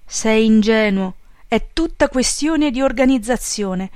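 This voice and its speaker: A woman's voice: on the high side, a little slow, darkish tone, clear, resonant tone, dry recording, clean studio sound, pitched above the performer's own voice, lightly acted. A woman voicing a brusque, sly village party man who speaks in a blunt, mocking way.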